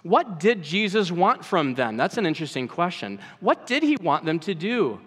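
A man's voice: sits high, big pitch swings, normal speed, a bit bright. A man preaching a sermon earnestly, acting out voices from the scripture he retells. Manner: earnest, acts out quoted voices. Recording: long hall reverb.

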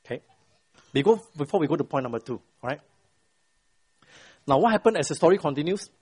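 Middle-aged male Bible teacher with a high, slightly raspy voice. He keeps quizzing the class. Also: fairly quick. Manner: quizzes the class, constant "right?" tag questions; retells the story with lively voiced quotes. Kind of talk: interactive Bible lesson to a class.

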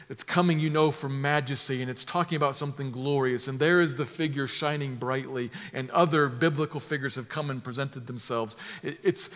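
Man, sermon preacher, emphatic, shifts between hushed and loud, long reverb. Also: mid-range voice. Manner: emphatic, builds from soft to loud with vivid imagery.

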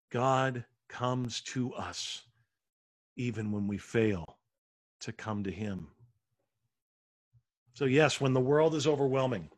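A pastor giving an earnest sermon, drawing out key words slowly and letting phrases fall to a hush. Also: male voice, medium pitch. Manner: earnest preaching with slow, drawn-out emphasis and soft hushed endings.

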